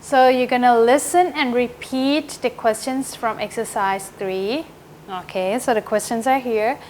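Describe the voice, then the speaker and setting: A female English teacher walks through exercises at an unhurried, deliberate pace, often checking in with "right?" and "okay?". Her voice sits a little high for a woman, with a faint hum of room ambience behind it. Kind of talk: online grammar lesson.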